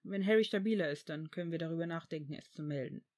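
A reader voicing an old male headmaster in a fan fiction audiobook, measured and calm, turning stern. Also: medium pitch, close to an everyday voice.

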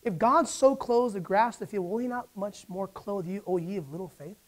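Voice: medium pitch, a little fast. A preacher giving a sermon, asking the congregation for responses and acting out Bible figures in dialogue.

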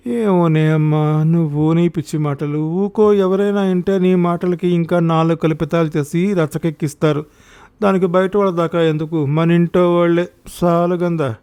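A woman's voice: on the low side, steady tone, moderate pace, smooth, dry recording, voice pushed up, lightly acted. A man voicing a stern old village matriarch. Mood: scolding. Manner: scolding, forceful. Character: older village mother-in-law, stern but protective.

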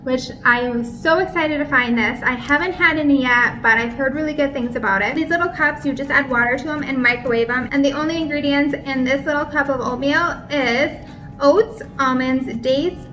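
Showing products one at a time to her camera, a thirty-something woman from Minnesota, USA, chats casually in a bright indoor room at home. Her high, sharp voice moves at a normal pace, with faint music behind it, and the recording quality is low.

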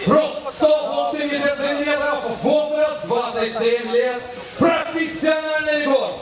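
A man working as a ring announcer, giving ceremonial, drawn-out fight introductions in a large hall. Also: very high-pitched, steady tone. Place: large indoor boxing hall. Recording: distant PA in echoey crowded hall. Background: loud music and crowd.

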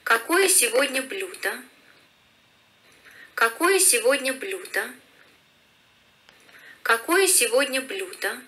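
A woman reading short phrases very slowly and carefully as a pronunciation model. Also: on the high side, animated, pushed and bright. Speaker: native speaker reading phrases.

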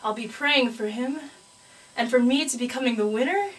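Giddy lovestruck contestant, played by a woman; slightly high voice, distant mic. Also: normal speed, fairly bright tone, lightly acted.

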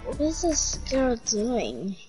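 Brief: excitable young woman gaming, slow-paced high voice, music behind. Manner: excitable, exclaiming. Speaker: gamer. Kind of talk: casual game chat. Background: game music.

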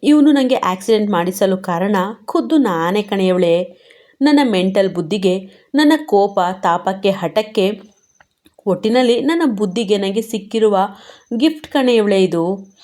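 A woman voicing a hot-headed young husband who talks bluntly and roughly yet consoles his wife, in a mellow tone. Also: mid-range voice, lively intonation, measured pace, lightly acted. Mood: consoling. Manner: blunt, rough-tongued, tender reassurance.

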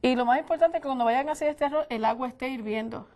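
A woman's voice: sits high, fast talker, darkish tone. Puerto Rican woman demonstrating a recipe. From Puerto Rico. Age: older. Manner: homely, lots of diminutives. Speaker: guest cook. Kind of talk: cooking demonstration. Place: studio kitchen set. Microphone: lapel mic.

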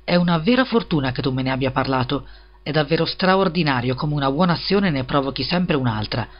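A man's voice: on the high side, animated, brisk. A man reading a storybook and voicing a greedy, self-serving miller who wheedles and preaches about friendship. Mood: predicatorio. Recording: slightly dull lo-fi recording.

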